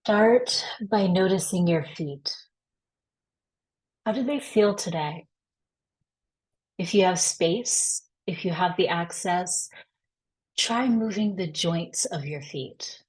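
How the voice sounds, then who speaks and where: Guiding a body scan, a woman speaks in a somewhat low, slightly rough voice at a very slow, unhurried pace. She delivers each instruction gently, aiming to reassure. The recording itself is rough.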